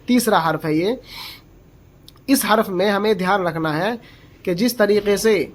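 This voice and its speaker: A Quran reading teacher giving a slow, step-by-step pronunciation lesson, explaining where each letter is formed and repeating its sound aloud. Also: mid-range voice. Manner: patient, explains slowly and models each letter sound aloud several times; asks the learner short checking questions.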